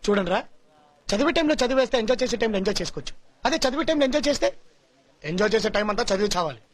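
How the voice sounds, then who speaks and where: A man's voice: sits high, lively intonation, rapid-fire. A young actor playing an earnest college student who lectures his friends in film dialogue. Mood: lecturing. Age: young adult. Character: earnest young male student, studious and moralizing.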